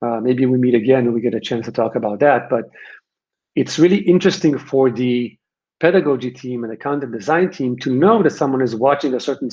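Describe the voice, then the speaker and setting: A man's voice: mid-range voice, darkish tone. A man with an Israeli accent giving a conversational webinar presentation, explaining his points emphatically and repeating phrases to drive them home. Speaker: webinar presenter from a software vendor. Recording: dull, band-limited webinar audio.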